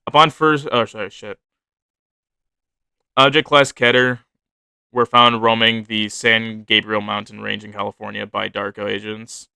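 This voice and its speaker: Creaky, bright-voiced man. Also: fairly low pitch, little pitch movement, a little slow, dry recording. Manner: rambling, self-correcting, swears freely. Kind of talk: casual chat, reading his own fiction notes aloud.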